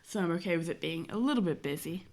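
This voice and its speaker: This young streamer's lowish, darkish voice is creaky, animated and fast, and a cold makes it nasal and stuffy. She chats casually while drawing, rambling with many fillers.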